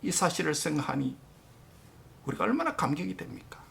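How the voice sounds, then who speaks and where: A male pastor delivering a fervent sermon, his fairly high voice leaping up and down in pitch. His tone rings bright and forceful, and he encourages his listeners directly, sometimes sinking to a soft hush. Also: sing-song, a little fast, vocal fry. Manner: impassioned, swinging between loud emphasis and hushed near-whisper; addresses the congregation directly with encouragement.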